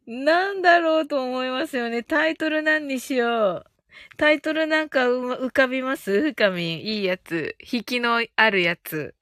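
Chatting playfully with her live stream listeners, a woman with a high, fairly bright voice giggles constantly and keeps repeating phrases in amusement. The recording is dry and studio-clean.

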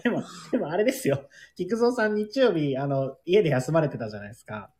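A man's voice: on the high side, sing-song, fast talker, dark tone. A man who runs a board game shop, chatting politely and easily on a talk show. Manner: polite, easygoing storyteller. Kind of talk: casual chat.

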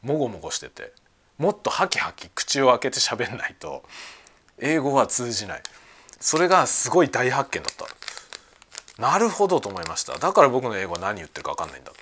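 A man hosting a casual podcast chat, talking excitedly at home while he cooks and eats lunch. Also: mid-range voice, fairly quick, slight background noise. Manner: excited, talkative. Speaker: podcast host. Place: at home, cooking and eating lunch.

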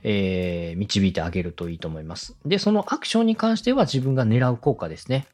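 Music runs underneath as this man, a podcast host and radio director, coaches his listeners politely and encouragingly. His voice is lowish and a little mellow, expressive, and he talks fast.

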